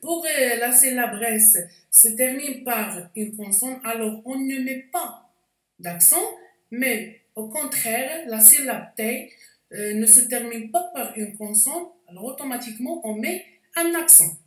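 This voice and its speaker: Slow, careful woman teacher, echoey room. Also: fairly high pitch, expressive. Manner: slow, careful explaining with frequent hesitations. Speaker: French teacher. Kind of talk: spelling lesson. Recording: echoey room, voice distant from mic.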